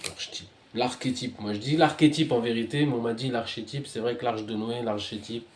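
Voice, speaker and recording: A man reading and commenting on scripture, muttering quiet asides between louder, rising recitations. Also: mid-range voice, fairly even intonation, quick pace, echoey room, a little hiss or hum. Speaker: religious reader.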